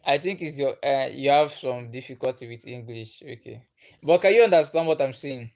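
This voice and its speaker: This man's medium-pitched voice is creaky and a little mellow, moving at a moderate pace. He's hosting a livestream, casually chatting and reading comments aloud. An Igbo speaker by birth, he stays patient, says things more than once, and laughs softly a lot.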